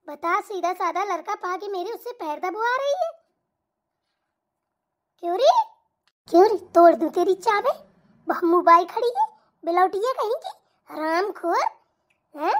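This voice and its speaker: A woman voicing a sharp-tongued old mother-in-law who nags and hurls insults in a cartoon comedy. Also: very high-pitched, full character voice. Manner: nagging, insulting, tag questions. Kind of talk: cartoon voice acting.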